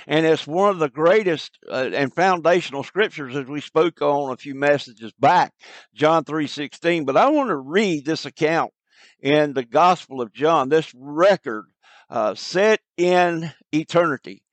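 A man preaching a sermon to listeners, slow and emphatic, repeating key phrases. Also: fairly high pitch, animated, dry recording.

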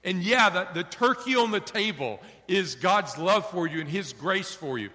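A middle-aged man preaches with a bright, ringing voice, pitched a little high for a man. His sermon is animated, slipping into acted-out exchanges. A long reverb trails each phrase, as in a church sanctuary. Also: moderate pace. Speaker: pastor.

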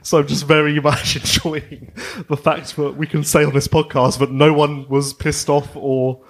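Guy with a higher voice, podcast co-host, jokey and teasing, laughs a lot. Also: little pitch movement, moderate pace. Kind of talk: casual chat.

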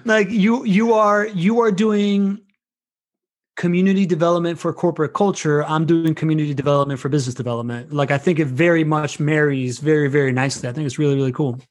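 Casual chat guest: man in his 40s from Venezuela, loose and animated, higher-pitched voice. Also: fairly quick. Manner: animated, loose, swears and laughs often.

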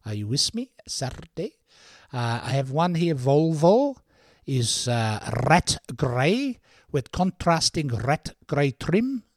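A man's voice: fairly high pitch, very animated, slow pace, no echo, clean studio sound, heavily acted. A man voicing a bumbling older car dealer who muddles his words while phoning in ads. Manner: muddles words, repeats "are you with me".

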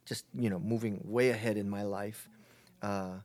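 Reflective man with a low voice. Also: steady tone, darkish tone. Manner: reflective, halting, with many fillers and restarts. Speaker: interview guest. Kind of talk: casual conversation.

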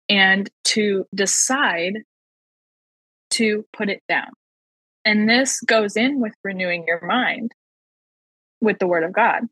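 A woman with a husky, slightly breathy voice tells her personal faith testimony as a podcast guest. She speaks earnestly and slows down to lean on the words that matter. The sound is close and dry, with little room around it. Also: medium pitch, bright, forceful tone, no room sound, rough recording. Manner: earnest, slow and emphatic on key phrases.

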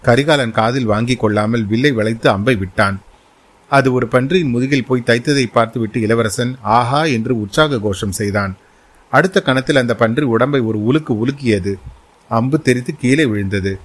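A man narrating a historical novel as an audiobook, in a steady, dramatic storytelling manner. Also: medium pitch, normal speed.

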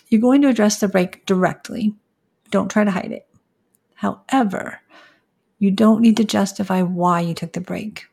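A woman's voice: lowish voice, vocal fry, darkish tone, slightly rough. A woman in her forties, a career coach hosting a podcast, talking candidly and conversationally and addressing listeners as friends. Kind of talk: solo podcast coaching talk.

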